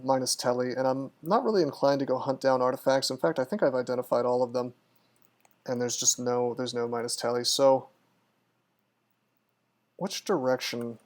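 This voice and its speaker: A man giving live gameplay commentary in a casual, thinking-out-loud way. He muses over choices, hesitates with ums, and restarts sentences often. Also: medium pitch. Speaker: game streamer.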